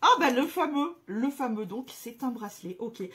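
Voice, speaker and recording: Woman, casual vlogger, breathy husky voice, excitable, slangy, lots of fillers. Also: fairly high pitch, moderate pace. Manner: gushing exclamations, slangy and chatty; frequent hesitation fillers. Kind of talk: casual chat to camera.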